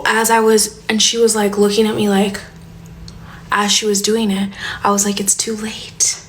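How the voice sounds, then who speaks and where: A young woman telling a chaotic story about her toddler in a casual vlog, dropping to whispers and then rising to near shouts. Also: mid-range voice, normal speed, slight background noise. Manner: animated, swings from hushed whispers to near shouts.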